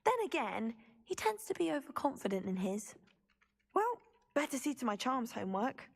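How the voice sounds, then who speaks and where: A teenage witch at school in a video game, friendly and poised. Her fairly high voice is polite and measured, ringing with long hall reverb. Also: sing-song, vocal fry, full character voice. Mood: amiable, modest. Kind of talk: video game character acting.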